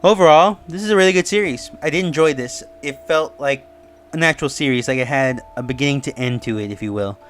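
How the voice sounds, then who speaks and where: Soft music plays behind a male online reviewer who talks fast at a medium pitch. He chats casually through his opinions and theories, with plenty of asides along the way.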